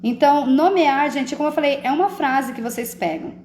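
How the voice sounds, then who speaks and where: A woman's voice: high-pitched, fairly quick, darkish tone, roomy sound, slight background noise. A woman hosting a live stream, talking casually about emotions and often checking that listeners follow. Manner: conversational, often asks "entende?".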